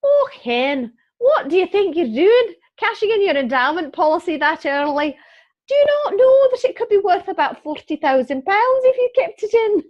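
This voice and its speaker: A woman voicing an aghast Scottish woman on a phone line, in a deliberately bad Scottish accent, scolding in disbelief. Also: very high-pitched, sing-song, voice pushed up. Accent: Scottish, put on badly. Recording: dull lo-fi webinar audio.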